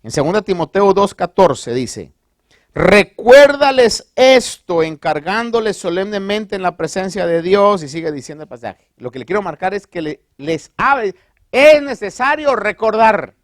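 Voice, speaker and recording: A man preaching a sermon as pastor, conversational and animated, asking the congregation rhetorical questions and dropping in English phrases. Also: sits high, moderate pace, few pauses, no echo, studio quality.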